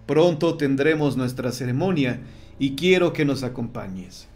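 A man voicing a bald male cult leader who speaks in a soft, calm, falsely warm way in an audiobook story. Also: mid-range voice, a little slow, faint music behind, close to an everyday voice. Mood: feigned calm.

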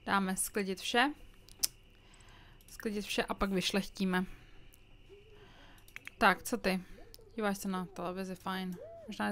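A woman with a Czech accent giving casual let's play commentary, chatting to her game characters with sudden loud outbursts. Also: mid-range voice. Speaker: gaming streamer.

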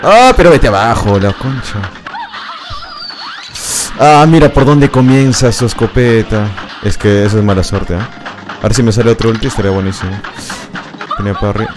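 Loud game music backs a man's streamed, live gameplay commentary. His lowish voice moves at a moderate pace with frequent pauses as he mutters, orders his character around, and excitably yelps and laughs when the game goes badly.

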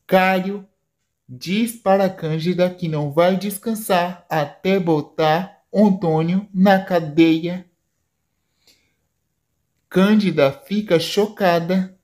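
Brazilian woman narrating soap opera plots, low voice, unhurried. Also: a little mellow. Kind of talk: soap opera plot retelling.

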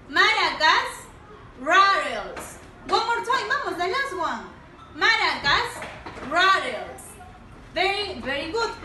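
A young woman, a teacher giving a slow bilingual lesson to young children, coaxing them to repeat each word in a sing-song way. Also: extremely high pitch, pushed and bright, a little hiss or hum. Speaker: primary school English teacher. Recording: echoey room, voice a bit distant.

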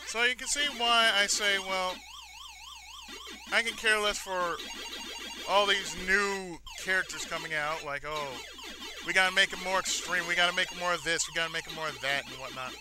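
The host of this gaming video speaks at a moderate pace in a high-sitting voice with fairly even intonation, music playing behind him. His let's-play commentary is casual, sentimental and rambling, with phrases repeated. Arcade-style game sounds fill the noisy recording.

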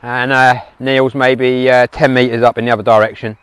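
A man's voice: mid-range voice, little pitch movement, normal speed, a bit bright, clean tone, dry recording, highs cut off. A British man chatting to viewers while metal detecting outdoors. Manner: chatty, addresses viewers as guys. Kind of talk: casual narration while digging outdoors. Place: open field outdoors.

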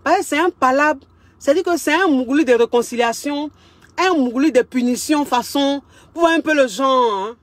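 A woman relationship coach tells a story in a casual monologue. Her voice sits high, and she loves to repeat lines and drop in street slang. The recording is dry, with no room sound. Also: normal speed, no room sound. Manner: lively, repeats phrases for emphasis, street slang.

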